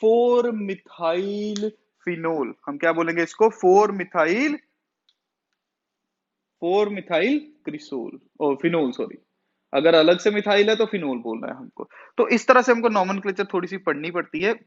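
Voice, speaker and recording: A man's voice: high-pitched, expressive, a little fast. A man teaching a chemistry class, who often asks the students questions and then answers them himself. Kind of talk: classroom lecture. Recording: dull lo-fi sound.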